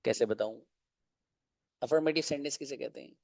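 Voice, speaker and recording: A man's voice: medium pitch, creaky, a little mellow, no room sound. Guy teaching english grammar online, asks stuff then answers it himself, dry close mic. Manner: explains slowly, asks and answers own questions. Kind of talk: online class lecture.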